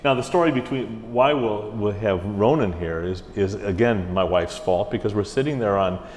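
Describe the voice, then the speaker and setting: A middle-aged man, a music director in an interview, telling stories in a chatty, animated way. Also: on the low side, moderate pace. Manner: chatty, animated, slips into mimicked voices. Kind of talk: casual interview storytelling. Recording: roomy hall echo with faint ambient hiss.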